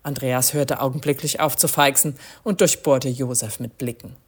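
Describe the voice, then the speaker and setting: A woman reading a crime story aloud in a measured, expressive way. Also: extremely low pitch, breathy edge. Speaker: narrator.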